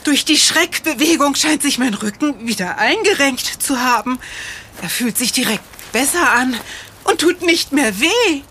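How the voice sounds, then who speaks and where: A kind elderly woman who speaks with a slow, gentle calm. Her tone is bright and clear, pitched a little above the middle. A faint ambient hiss sits behind the voice. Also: heavily acted. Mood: relieved. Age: older. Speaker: neighbour lady in audio drama. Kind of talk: children's audio drama acting.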